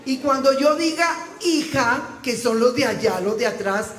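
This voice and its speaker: A man preaching in a church, leading the congregation through a call-and-response reading and shouting out the cue words. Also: extremely high pitch, animated, measured pace. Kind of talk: interactive sermon with call-and-response cues. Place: church sanctuary. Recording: echoey hall with long reverb.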